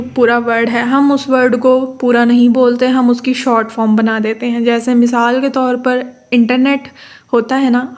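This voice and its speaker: Pakistani woman teacher, fairly high but even-toned, patient explainer. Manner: repeats terms and checks with "theek hai?"; reads English definitions slowly. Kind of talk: explanatory lecture.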